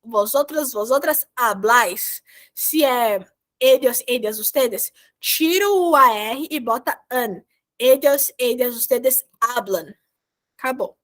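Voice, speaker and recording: A woman's voice: fairly high pitch, slow, fairly bright tone. A woman teaching a Spanish grammar class over a video call, explaining verb endings patiently step by step and repeating herself often.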